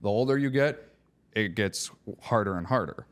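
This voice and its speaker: Speaking at a moderate pace with lively intonation, a man with a lowish voice co-hosts a podcast in relaxed conversation. He grew up speaking Polish, is from the United States, and talks loosely, occasionally hunting for words.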